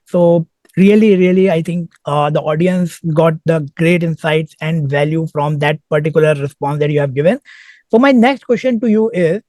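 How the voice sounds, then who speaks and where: A man with a high but mellow voice hosts a podcast interview. He frames his questions politely and a little haltingly, with plenty of okays. His sound is dry and close, with no room echo. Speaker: podcast host. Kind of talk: interview questions and short acknowledgements.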